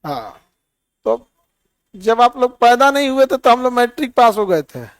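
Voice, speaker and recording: High-pitched man teaching a lively class. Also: normal speed, dry recording. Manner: teasing, quizzes students by name. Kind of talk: classroom physics lesson.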